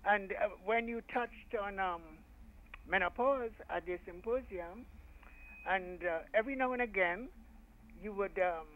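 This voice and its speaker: An older man calling in to a radio show over a phone line, formal and lavishly flattering as he speaks. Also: high voice, slight background noise. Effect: heard over a phone line. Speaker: radio call-in listener. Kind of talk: phone-in chat.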